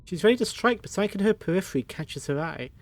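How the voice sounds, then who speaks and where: Male streamer, reads game narration, swears, sarcastic comments; slightly high voice. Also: animated, fast talker, a little hiss or hum. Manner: crude, sarcastic asides. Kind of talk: reading game text aloud with casual commentary.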